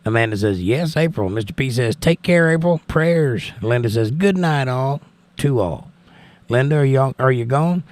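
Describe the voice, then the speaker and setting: A man's voice: mid-range voice, lively intonation, normal speed, darkish tone, no room sound. An American man with a crackly voice chats casually as a livestream host, reading out messages and thanking people in a folksy way. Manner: folksy, thanking and blessing listeners. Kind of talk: casual live chat, reading out viewer messages.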